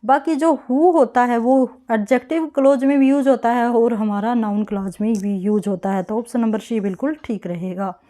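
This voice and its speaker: A woman, working through an exam answer key as an English tutor, reading each question slowly and then explaining it in a chatty way. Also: on the high side, mellow.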